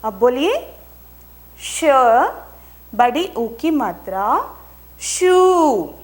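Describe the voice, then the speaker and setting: Slow, lively woman teacher. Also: a little high. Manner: very slow, drawn-out syllables with repeat-after-me prompts. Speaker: primary school teacher. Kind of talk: slow drilled phonics lesson for young children.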